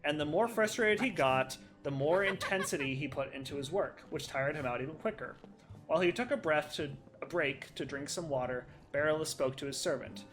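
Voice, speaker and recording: A man's voice: on the high side, a little fast, a bit bright, faint music behind. A man hosting a let's play, reading an in-game book aloud in a casual way, laughing and swearing at his slips.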